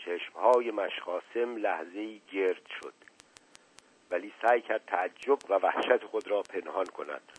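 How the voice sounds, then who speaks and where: A man narrating a novel in a lively storytelling manner, in a dull lo-fi radio recording. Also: sits low, slightly rough. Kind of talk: novel reading.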